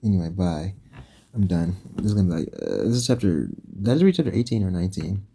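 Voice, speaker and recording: A man's voice: deep voice, sing-song, fast, vocal fry, mellow, slightly rough. A young man reading fanfiction aloud and chatting between chapters, tired and sore-throated, rambling with lots of fillers. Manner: rambling, full of fillers and restarts. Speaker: fanfiction reader and commentator.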